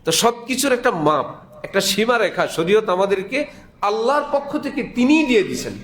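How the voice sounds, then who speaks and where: A man's voice: high-pitched, lively intonation, moderate pace, a bit bright, echoey room, slight background noise. A man with a Bangladeshi Bengali accent giving a Friday sermon in a mosque, telling stories, voicing the people in them and chuckling often. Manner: storytelling, voicing characters, frequent chuckles. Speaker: preacher. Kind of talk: Friday sermon with acted anecdotes.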